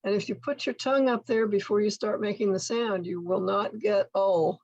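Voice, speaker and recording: An older woman teaching in a slide presentation, speaking slowly and enunciating carefully as she models speech sounds step by step. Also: mid-range voice, darkish tone, no echo, lo-fi sound. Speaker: workshop instructor for literacy tutors. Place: indoor room at home, video call.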